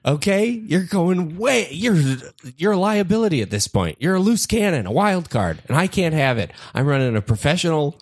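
A woman's voice: on the low side, very animated, normal speed, hardly any pauses, darkish tone, no echo, studio quality, pitched above the performer's own voice. A woman playing a pompous, exasperated boss, scolding emphatically in improvised comedy.

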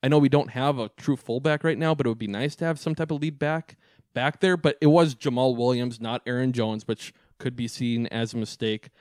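A man's voice: medium pitch, brisk, a little mellow, no echo, studio quality. A man co-hosting a sports podcast, talking in a casual, rambling way with frequent restarts. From Minnesota. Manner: rambling, restarts often, laughs easily. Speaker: podcast co-host.

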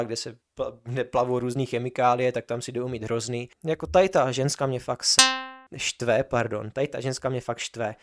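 A young man co-hosting a podcast, telling an annoyed story in casual chat. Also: clear, resonant tone. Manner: animated storytelling, mimics others in high voice. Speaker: podcast co-host. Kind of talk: casual ranting anecdote.

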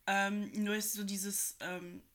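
A woman's voice: mid-range voice, flat delivery, slow, a bit bright, a little hiss or hum. A young adult woman, a podcast guest, speaking candidly and chattily with lots of fillers and laughs. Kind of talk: casual podcast chat.

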